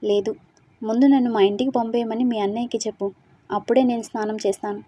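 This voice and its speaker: A woman's voice: a little high, fairly even intonation, quick pace, mellow, husky, no room sound. A woman voicing a stubborn young bride who keeps crying and pleading in a storybook reading. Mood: tearful. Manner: sobbing, pleading.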